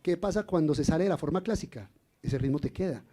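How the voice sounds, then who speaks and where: A man, a singer and poet explaining rhythm in poetry in a relaxed café talk. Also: fairly high pitch, quick pace. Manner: explanatory, chants rhythm syllables. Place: café event in Cali.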